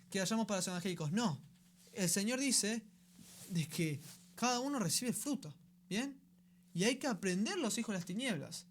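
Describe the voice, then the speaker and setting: A man's voice: high-pitched, a little hiss or hum. A man with a Rioplatense Spanish accent hosting a radio program, giving a conversational teaching talk and often checking in with his listeners.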